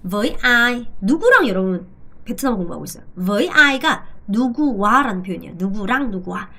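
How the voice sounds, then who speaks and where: A middle-aged woman teaching a language in a video lesson, repeating phrases slowly for drilling with playful asides, a native Korean speaker. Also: medium pitch, expressive, bright, forceful tone.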